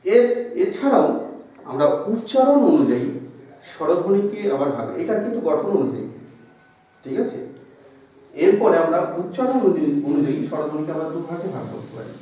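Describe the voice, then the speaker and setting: A man's voice: fairly high pitch, expressive, fairly quick, long pauses, mellow. A man teaching a grammar lesson in a classroom, explaining step by step and drawing out sounds to demonstrate them. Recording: echoey room from far off.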